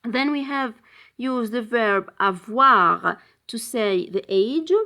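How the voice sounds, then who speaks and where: A woman teaches French in a bilingual lesson. Her voice sits a little high, and she talks at an unhurried pace. She switches between French and English and often stops to hesitate before going on. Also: sharp tone. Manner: frequent hesitation fillers.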